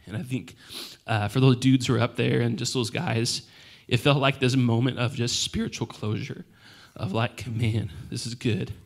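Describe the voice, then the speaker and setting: A man in his thirties, a pastor with a hoarse, worn voice, reflects personally and informally at a church service, in a halting, self-deprecating way. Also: mid-range voice. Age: 30s. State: hoarse, voice nearly gone.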